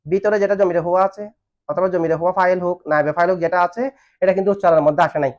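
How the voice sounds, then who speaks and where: Fast-talking male teacher quizzing his class. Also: sits high, steady tone, a little mellow. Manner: asks questions and has students answer back. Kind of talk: classroom lesson on Arabic grammar. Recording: dull lo-fi recording.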